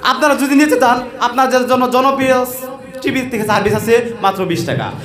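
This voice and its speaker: A man plays a spoof quack-medicine hawker with an extremely high voice and repetitive sales patter. It is a comic stage advertisement in an echoey hall with some audience noise. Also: fairly quick, a bit bright, some chatter behind. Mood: huckstering. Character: parody street-hawker pitchman selling quack herbal cures. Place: echoey room or hall at a madrasa event.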